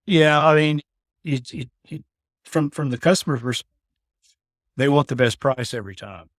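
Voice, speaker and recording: Speaking at a moderate pace and medium pitch, a middle-aged guest who has spent years as a building automation integrator talks casually through explanations. He tends to repeat words and keeps asking "you know what I mean?" The audio is dry and of studio quality.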